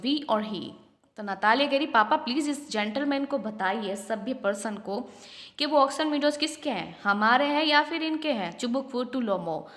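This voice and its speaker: A woman teacher explaining a school text, reading English lines slowly and explaining them quickly while mixing in Hindi. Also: fairly high pitch, fairly bright tone, long reverb tail.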